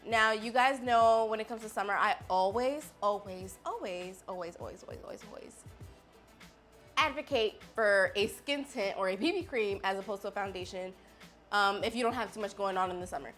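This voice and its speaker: Casting: woman, mid-twenties, chatty and sassy beauty vlogger, medium pitch, soft music underneath. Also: normal speed. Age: 20s. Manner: chatty, sassy, talks straight to viewers. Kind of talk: casual makeup haul chat.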